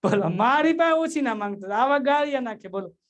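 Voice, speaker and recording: A man telling jokes and giving a patriotic address, animated and constantly addressing his audience as sir. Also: very high voice, fast. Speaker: comedian. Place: remote link into a virtual event.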